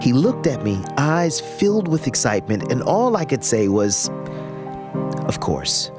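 A man narrating a personal story in the first person, reflective and expressive with dramatic pauses. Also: mid-range voice. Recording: music bed under the voice.

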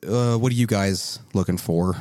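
A man's voice: fairly low pitch, normal speed, darkish tone, close to an everyday voice. A man voicing a folksy male shopkeeper with a put-on Southern accent, in a tabletop game.

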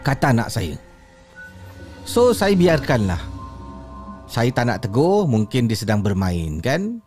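A man's voice: huge pitch swings, slow, a little mellow, soft background music. A man with a Malaysian Malay accent narrating a ghost story dramatically, acting out the people he quotes. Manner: acts out quoted voices with big pitch swings.

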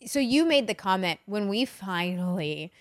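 A young woman co-hosting a casual chat, telling stories in an animated way, laughing often. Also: mid-range voice, normal speed, dry recording, clean studio sound.

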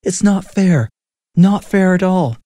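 A man's voice: high-pitched, lively intonation, takes it slowly, no room sound, clean studio sound, voice pushed up. Man voicing an angry young woman ghost. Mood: indignant. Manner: raised, exasperated shouts. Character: angry frustrated female ghost, young adult.

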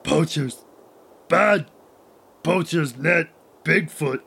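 A man voicing a big, hairy, simple-minded Bigfoot sidekick in a children's audio adventure, growling out slow broken words. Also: on the high side, a bit bright, a little hiss or hum, exaggerated voice. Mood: puzzled, slow. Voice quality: gravelly, growly.

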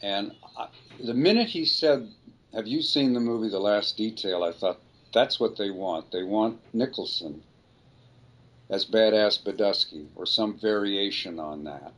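An older man, a voice actor, telling a rambling, relaxed story in an interview. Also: on the low side, unhurried. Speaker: voice actor guest. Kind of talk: anecdotal storytelling.

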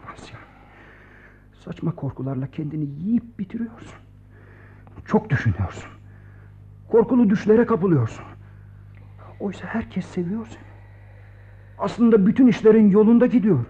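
A firm, caring friend. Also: male voice, high-pitched, big pitch swings, a little fast. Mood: soothing. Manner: firm, then hushed and soothing. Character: steady male friend, scolding yet caring. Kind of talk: radio play acting. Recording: dull lo-fi old radio recording.

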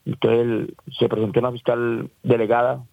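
A man's voice: mid-range voice, little pitch movement, normal speed, creaky, dry recording. A man in his forties with a Colombian Caribbean coast accent, telling his own story as an interviewee, rambling and restarting, often acting out the voices of others. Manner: rambling, repeats and restarts, acts out quoted voices. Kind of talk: emotional first-person account. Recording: dry, tinny phone-like line.

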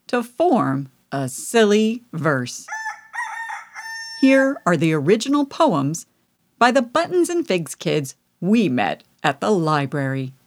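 A woman hosting a children's program, explaining steps in a lively, sing-song way. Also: medium pitch, no echo, studio quality. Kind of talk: narration for children.

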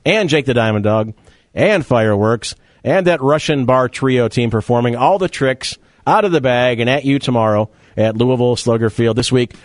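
A man's voice: medium pitch, no room sound. A man hosting sports talk radio, chatting through a monologue and an ad read with wry asides. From Rochester, New York area. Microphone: studio mic.

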